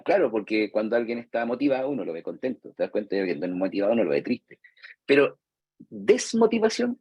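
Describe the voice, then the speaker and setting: In poor, dry audio, a husky-voiced man of mid-range pitch and darkish tone talks to an audience of therapists. He is a Chilean psychologist lecturing live in Chilean Spanish, keeping it conversational by impersonating patients and parents and often asking "¿cierto?"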